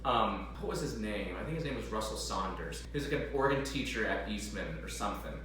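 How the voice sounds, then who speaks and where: A man's voice: on the low side, expressive, a little fast, fairly bright tone, recorded from a distance. A young man who plays the organ, chatting casually while he practices, swearing now and then and humming along to the music. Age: young adult. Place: large echoey room with an organ. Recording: very echoey, from off-mic, organ behind.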